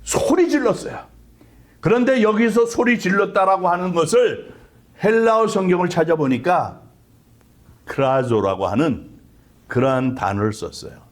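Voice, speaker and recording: A man's voice: high voice, animated, moderate pace. A man preaching a sermon as pastor, with impassioned delivery that acts out cries of prayer.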